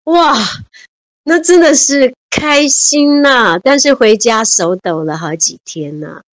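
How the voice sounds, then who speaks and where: This woman's voice sits high and she takes it slowly; she's in her fifties and speaks with a Taiwanese Mandarin accent. Appearing as a radio interview guest, she shares conversational stories of her childhood and adventures in an earnest, warm-hearted way, exclaiming often.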